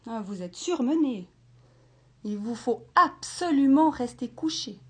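A fussy storybook doctor, as a woman reading aloud puts him on, hands out his orders in a measured, pompous way. His voice rises in pitch, and he speaks firmly and slowly. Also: lively intonation, darkish tone, breathy edge. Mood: reassuring. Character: fussy male doctor, calm and prescribing.

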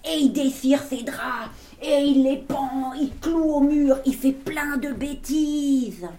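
A woman reading a picture book aloud to children in an animated way, with playful asides to her listeners. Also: high-pitched, slow pace. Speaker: storyteller. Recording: echoey room, faint noise.

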